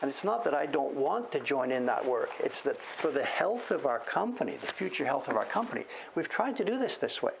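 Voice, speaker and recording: A man in his late sixties chats casually on a livestream about his printmaking, rambling, correcting himself, and often referring to himself by name in the third person. His gravelly voice is fairly high, very animated, and a little fast, with few pauses and a noisy background.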